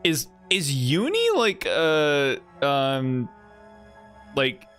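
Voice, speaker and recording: A man's voice: mid-range voice, sing-song, fairly bright tone, smooth, faint music behind. A young man streaming a game, reacting casually with crude jokes and reading bits of narration aloud. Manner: joking, crude, drawn-out asides.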